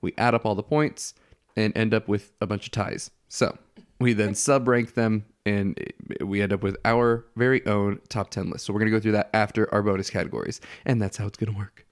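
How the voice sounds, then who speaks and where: Low-voiced man with a stuffy, congested nose. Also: fairly even intonation, brisk, smooth, dry recording, clean studio sound. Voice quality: nasal, congested. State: head cold, blocked nose. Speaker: podcast host. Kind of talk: casual podcast hosting.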